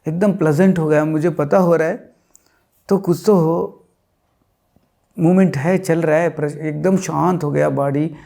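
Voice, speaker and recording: Male interview guest, warm mellow tone, halting and repetitive storytelling, for a personal spiritual testimony. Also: a little high. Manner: halting, repetitive storytelling mixing in English words. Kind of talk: recounting a personal spiritual experience.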